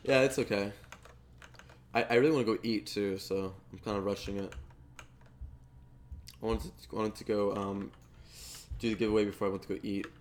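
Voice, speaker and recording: A man's voice: lowish voice, fairly even intonation, moderate pace, long pauses, a little hiss or hum. A young man live-streaming a game, chatting casually with his viewers and stumbling over repeated words. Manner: stammers and repeats words, talks to chat while playing.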